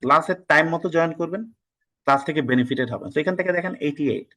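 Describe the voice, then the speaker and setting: A man's voice: on the high side, fairly bright tone, poor audio. A man from Bangladesh leads an online test-prep class in a slightly raised voice. He lectures casually and drops English words into his sentences. Now and then he scolds his students. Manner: reads practice passages aloud slowly and deliberately.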